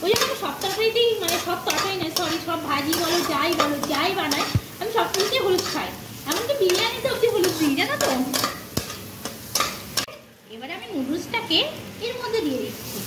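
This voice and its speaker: A middle-aged woman with an extremely high, animated voice chats briskly to viewers while narrating her home cooking step by step, tossing in little asides. She's in an echoey home kitchen where the frying sizzle and stirring come through clearly.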